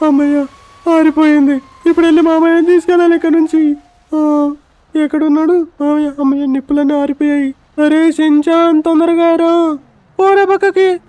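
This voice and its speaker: A man voicing a panicky young boy who wails in a high, worried voice, for a fan-dubbed game story. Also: level tone, moderate pace, dark tone, no room sound. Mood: frantic. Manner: panicky, wailing.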